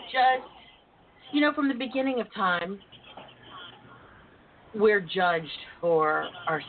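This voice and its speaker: Sassy female talk radio host, slow and playful, heard over a thin phone-grade line. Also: medium pitch, expressive. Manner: sassy, drawn-out delivery with folksy endearments. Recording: narrow phone-like line with faint noise.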